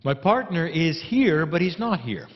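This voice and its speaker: A man giving a channeled spiritual address in solemn, deliberate phrases with pauses. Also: on the high side, sing-song. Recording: dull recording in reverberant hall.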